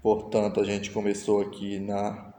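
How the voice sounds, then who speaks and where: A man's voice: on the low side, monotone, measured pace, dark tone, a little hiss or hum. A male teacher, patiently explaining a lesson step by step and voicing his students' questions himself. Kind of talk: recorded online lesson. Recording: echoey room with long reverb.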